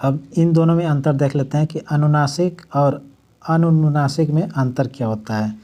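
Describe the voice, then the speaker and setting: A man teaching a Hindi grammar lesson, his voice fairly high for a man but warm and mellow. He explains each point step by step, restates it in simpler words, and draws out the example words slowly. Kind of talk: exam-prep grammar lesson.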